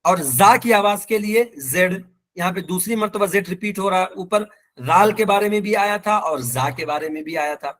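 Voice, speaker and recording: Man, Pakistani accent, fairly high voice, patient online teacher, repeats examples. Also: a bit bright. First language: Urdu. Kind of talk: online language lesson.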